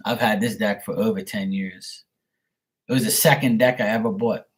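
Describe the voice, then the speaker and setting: This husky-voiced man sits on the low side, keeping a steady tone at a moderate pace. Hosting a live tarot stream, he chats casually, rambles, swears without restraint, and doesn't hold back his blunt opinions.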